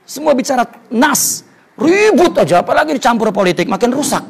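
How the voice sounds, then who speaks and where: A man's voice: extremely high pitch, sing-song, fairly quick, vocal fry, slightly rough. A man teaching a religious study lesson, telling stories, repeating words for emphasis and reciting Arabic before explaining it.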